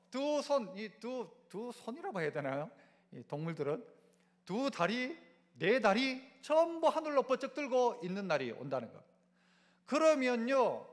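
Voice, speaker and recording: A male pastor with a Gyeongsang Korean accent preaching a sermon, asking the congregation questions and having them repeat after him. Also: very high-pitched. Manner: call-and-response preaching, asks the congregation to repeat. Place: church sanctuary. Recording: long church hall reverb.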